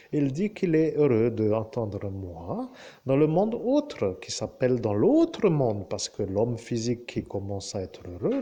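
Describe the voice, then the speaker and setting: A man with a Lorraine French accent, talking to his viewers in a slow, wandering monologue and often turning to address the listener directly. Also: mid-range voice, warm tone, slightly rough. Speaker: vlogger. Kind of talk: rambling monologue to camera.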